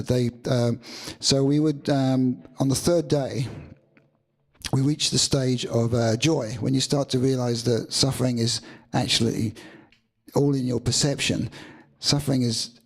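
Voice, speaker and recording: A man, a musician guest, answering at length in a halting, reflective way with many restarts, in a studio session before a live audience. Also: medium pitch, creaky, breathy edge. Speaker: musician guest being interviewed.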